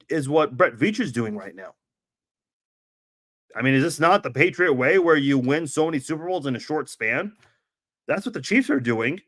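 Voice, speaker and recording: A man hosting a sports podcast, his voice hoarse and worn out from yelling, giving emphatic opinions in a casual, halting way with awkward pauses. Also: fairly high pitch. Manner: opinionated, emphatic, rhetorical questions.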